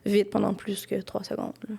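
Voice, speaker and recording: A woman's voice: mid-range voice, monotone, moderate pace, gravelly, dark tone, slightly rough. A young woman with a Quebec French accent, chatting casually as a podcast guest and filling her speech with little asides. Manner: chatty, lots of fillers like "là" and "tu sais". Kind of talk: casual interview chat.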